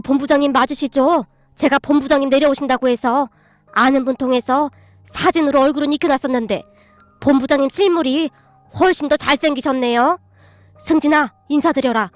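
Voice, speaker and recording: A woman's voice: sits high, brisk, no room sound, faint music behind, natural voice. A woman voicing a fawning older father and landowner in a storybook reading. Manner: fawning, effusive.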